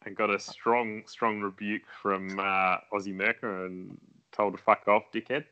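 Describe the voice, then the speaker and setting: A man's voice: fairly low pitch, level tone, measured pace, bright, forceful tone. A man co-hosting a casual fantasy football chat, easygoing and swearing casually. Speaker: podcast co-host. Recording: dull lo-fi sound.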